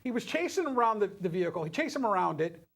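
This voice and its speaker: Brief: talk show co-host, man with a high voice, chatty storyteller. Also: fast talker, creaky. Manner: animated storyteller, banters and retells events. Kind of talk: casual chat.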